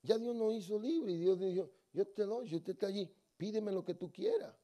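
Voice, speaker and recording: A man with a high voice and a mellow, dark tone preaches to a church congregation. He tells stories with humor, drops to soft asides, then rises to loud exhortation. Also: animated, normal speed, slight background noise. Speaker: guest preacher. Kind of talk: lively Spanish-language sermon with humorous anecdotes. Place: church sanctuary.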